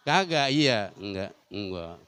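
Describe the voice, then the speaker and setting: A man's voice: on the low side, big pitch swings, extremely slow, a bit bright, smooth, dry recording. A man teaching a humorous Islamic study lesson in a large mosque, joking and constantly quizzing the women listening. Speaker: religious teacher.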